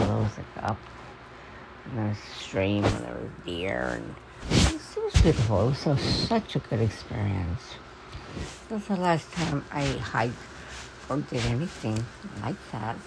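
A woman with toothless, gummy articulation, as if gumming soft food, rambling in a halting, repetitive, confiding monologue. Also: rumbling low, wildly swooping pitch, creaky, background noise. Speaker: personal podcaster. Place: at home.

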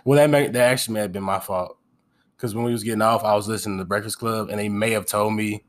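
A man co-hosting a podcast, telling travel stories in a casual, profane, animated way and laughing often. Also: fairly low pitch, quick pace, a little hiss or hum. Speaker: podcast co-host. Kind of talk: casual chat.

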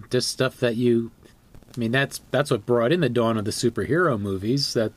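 A man co-hosting a podcast, talking in a steady, measured, casual way. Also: mid-range voice. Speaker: podcast co-host. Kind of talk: casual chat.

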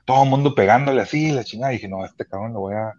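A man, telling concert stories as a podcast guest in a casual, profane, animated way. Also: medium pitch, rapid-fire, dull audio. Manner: profane, animated, many restarts. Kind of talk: casual storytelling chat. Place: Chula Vista hospital.

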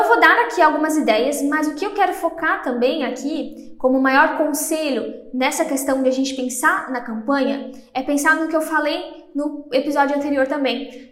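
A young woman from Brazil with a high-pitched voice hosts her own podcast. She talks quickly, stumbles now and then and laughs at her own slips. The room around her is noticeably echoey. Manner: fast-talking, self-deprecating, trips over words. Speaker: podcast host. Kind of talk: solo podcast talk.

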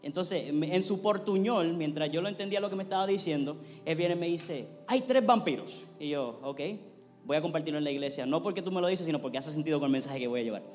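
A man with a high voice delivers a sermon from a church pulpit. He builds to fervent intensity as he preaches and prays. A long church reverb trails each line, with faint music underneath. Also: quick pace, darkish tone. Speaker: pastor. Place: church sanctuary.

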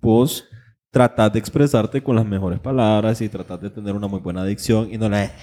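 A Honduran man with a somewhat low voice chatting on a podcast. His talk is laid-back and full of slang. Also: fairly even intonation, brisk, mellow. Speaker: podcast co-host. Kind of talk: casual chat.

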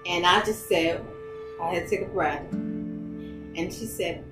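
A woman telling a personal hospital story in casual storytelling style, acting out quoted dialogue with jumps in her voice. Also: takes it slowly. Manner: acts out quoted dialogue with big pitch jumps. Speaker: interviewee sharing a hospital story. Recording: roomy echo with loud music underneath. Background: loud background music.

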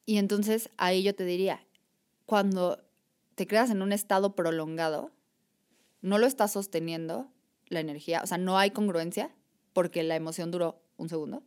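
Woman guest on a podcast, lively and thoughtful, keeps saying o sea. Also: on the low side, moderate pace, clean tone. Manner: animated, reflective, repeats "o sea" and "¿sabes?". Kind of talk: casual conversation.

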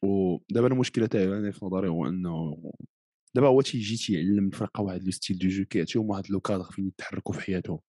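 A man's voice: low-pitched, racing, mellow, dry recording, clean studio sound. A man with a Moroccan accent in a casual football discussion, explaining his points and mixing in French phrases.

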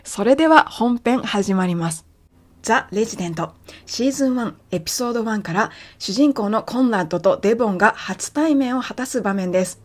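Woman, English teacher, native Japanese, explanatory, models phrases slowly, podcast lesson. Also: on the high side, lively intonation.

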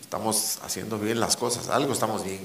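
A Guatemalan podcast host with a fairly low voice keeps a relaxed conversation going. He agrees easily and reaches for local sayings as he talks. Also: fairly quick, slight background noise. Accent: Guatemalan Spanish.

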